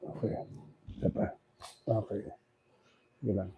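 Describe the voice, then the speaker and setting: A man working as a bone setter, calmly coaching a client to relax, breathe in and breathe out. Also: slow, phone-quality sound, a little hiss or hum. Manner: coaxing, repeats calm instructions. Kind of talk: guiding a client through a massage.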